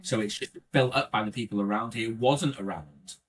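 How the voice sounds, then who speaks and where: A fairly quick, husky, lowish voice belongs to this man from North Wales, who has a North Welsh accent. As an indie filmmaker on a casual podcast interview, he talks in an earnest, reflective way and keeps restarting his sentences.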